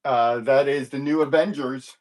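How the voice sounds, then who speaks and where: A man's voice: medium pitch, fairly even intonation, normal speed, darkish tone. A man hosting a live comic book sales stream in casual chat, rambling and easygoing as he corrects himself and cracks light jokes.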